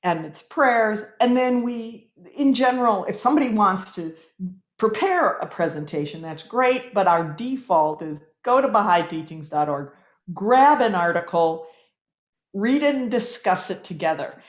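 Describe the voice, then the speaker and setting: Halting woman host in an echoey room. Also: mid-range voice, expressive. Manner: halting, emotional, quick to laugh. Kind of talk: interview questions. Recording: echoey muffled call audio.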